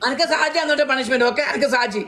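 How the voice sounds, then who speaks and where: A high voice rattles along quickly on a live stream. The talk is casual banter, boastful and repetitive. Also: pushed and bright. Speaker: live stream game player.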